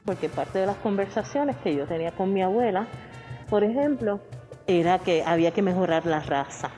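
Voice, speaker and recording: A woman's voice: lowish voice, animated, normal speed, mellow, soft background music. A woman with a Puerto Rican accent telling personal experiences casually in an interview, often seeking agreement. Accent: Puerto Rican Spanish. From Puerto Rico. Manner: conversational, seeks agreement with tag questions. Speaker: art educator being interviewed.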